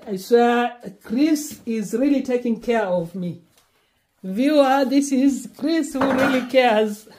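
The background is noisy as a Kenyan vlogger around sixty talks slowly to a phone camera held at arm's length inside her small home. Her voice is on the high side, and she pleads, repeating her words in casual chat.

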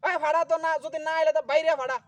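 A man's voice: extremely high pitch, fairly even intonation, rapid-fire, a bit bright, no room sound. A man in a comedy sketch playing a newly married husband, talking in an exasperated, scolding way in a rural Bangladeshi Bengali dialect.

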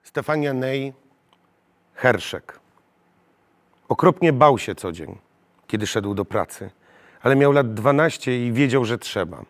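Man, theatre actor, poetry recitation, measured, emotionally weighted, mid-pitched voice. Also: expressive.

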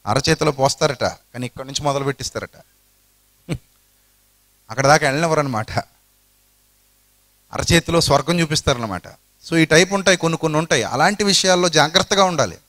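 Male pastor, lively storytelling sermon, bright and forceful voice, a bit high. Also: brisk, long pauses. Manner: animated storytelling, rhetorical questions.

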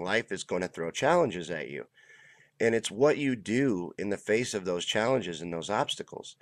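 Speaking close into a studio mic in a small home room, a middle-aged host gives a motivational monologue despite sounding congested and unwell. His voice is low-pitched and the recording dry. He delivers an earnest pep talk, letting pauses trail.

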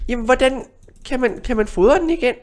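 A young man playing Minecraft in role-play with a friend, teasing him with short, playful remarks. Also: extremely high pitch. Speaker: co-host of a gaming channel.

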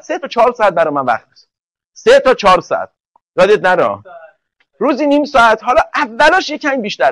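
A man's voice: high voice, fairly bright tone, no echo, rough recording. A man teaching English for an entrance exam in a live online class, joking and speaking directly to students one by one.

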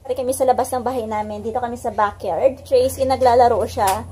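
A woman's voice: on the high side, fairly even intonation, fast, warm tone, breathy edge. A woman in her thirties chatting to a handheld phone camera as she vlogs about her day at home and in the backyard. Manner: chatty, talks to camera while doing chores. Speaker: vlogger. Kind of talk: casual home vlog. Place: house and backyard.

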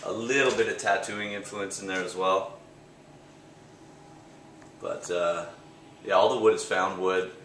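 In casual interview answers at his exhibit, a young painter from Canada discusses his art loosely in a low, unhurried voice, with fillers and restarted phrases. The close handheld camera picks up the echo of the gallery and a faint ambient hum.

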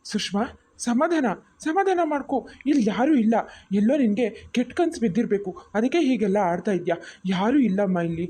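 A woman voicing a calm, caring young husband in a cartoon, who speaks in a soothing, reassuring way. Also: a little high, a little fast, slight background noise, natural voice.

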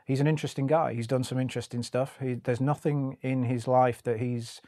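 Measured middle-aged man, dry sound. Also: medium pitch, steady tone, warm tone, dry recording. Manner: measured, articulate, with frequent uhs. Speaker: journalist interviewee. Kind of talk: documentary interview. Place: recording studio.

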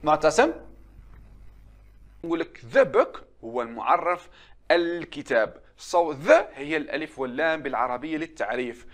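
A man's voice: fairly high pitch, expressive, normal speed. A man with an Algerian Arabic accent, an English teacher running a lesson and drilling pronunciation and repetition. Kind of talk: classroom lesson.

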